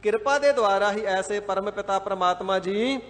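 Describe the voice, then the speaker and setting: A man with a high voice gives a devout sermon, explaining scripture phrase by phrase in a measured way. Now and then he slips into a brief chant of a verse. His voice carries a long reverb from a large hall. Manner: devout, measured, repeats and glosses words, sometimes chants verses. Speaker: Sikh scripture expounder. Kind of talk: line-by-line scripture exposition sermon.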